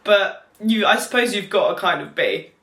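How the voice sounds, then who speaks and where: A young British woman vlogger chats casually to camera, candidly rambling through her experience and dropping "like" into her sentences often. Her medium-pitched voice is a bit bright, with lively intonation at a normal speed, and the recording has a roomy echo.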